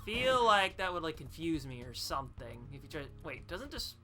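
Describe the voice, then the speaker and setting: A woman's voice: low-pitched, very animated, normal speed, pushed and bright, faint music behind. A woman hosting a let's-play, giving casual gameplay commentary, chatty and thinking aloud with frequent fillers.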